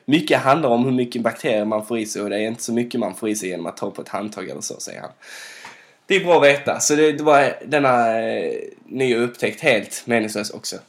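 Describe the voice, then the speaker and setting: A man co-hosting a podcast, chatting casually with dry, wry remarks. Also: medium pitch. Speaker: podcast co-host. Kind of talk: casual chat.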